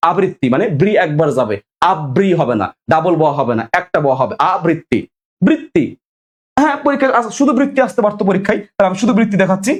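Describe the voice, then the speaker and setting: A man's voice: high voice, expressive, quick pace. A young man teaching an online exam-prep lesson, drilling students with repeated questions and asking viewers to comment.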